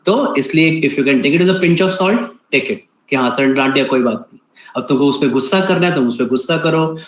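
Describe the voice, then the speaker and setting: A man teaching an online class, giving a stern scolding lecture with an Indian English accent and repeatedly checking "ठीक है?". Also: medium pitch. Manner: stern, repeats "ठीक है?" and switches often between Hindi and English. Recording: echoey room.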